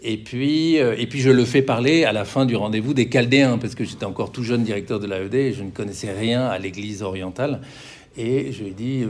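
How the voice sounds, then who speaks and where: Middle-aged man, low voice, earnest public talk, halting restarts, charity director's testimony. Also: a little mellow.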